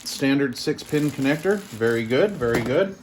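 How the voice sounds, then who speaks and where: Unboxing a product, this reviewer speaks in a mid-range, animated voice at a moderate pace, musing aloud and sounding mildly impressed now and then. The low-quality recording carries clear background noise and room ambience.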